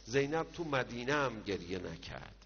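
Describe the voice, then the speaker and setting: A man preaching a sermon that moves into mourning recitation, swinging from loud declaiming to hushed murmurs. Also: mid-range voice, sing-song, gravelly. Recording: dull sound with long hall reverb.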